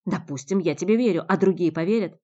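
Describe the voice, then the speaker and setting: A woman's voice: fairly low pitch, fast talker, mellow, natural voice. A woman reading a blunt, tough young man. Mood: accusing. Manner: curt, growling. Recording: dull lo-fi recording.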